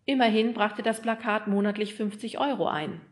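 A woman's voice: medium pitch, steady tone, normal speed. Woman narrating a children's audiobook. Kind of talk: scripted narration of a children's book.

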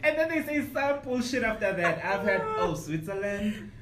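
Lively young student with a wide-ranging voice. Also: medium pitch, normal speed. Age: young adult. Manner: lively, laughing, expressive reactions. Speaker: college student. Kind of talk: casual group chat. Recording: roomy distant recording with background noise.

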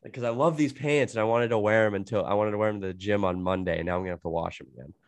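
Young guy with a cold rambling on a podcast, kinda low voice, super dry close sound. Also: level tone, rapid-fire, clean tone, no room sound. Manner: rambling, heavy filler "like", laughs a lot. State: sick with a cold, coughing. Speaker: podcast co-host. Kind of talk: casual chat.

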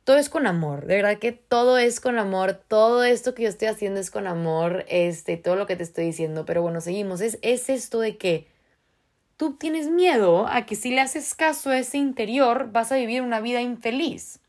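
A woman with a Mexican accent speaks in a fairly high voice, hosting a podcast. She gives a casual motivational talk, earnest and impassioned, using slang and often restarting her sentences. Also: moderate pace, a little mellow. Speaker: podcast host.

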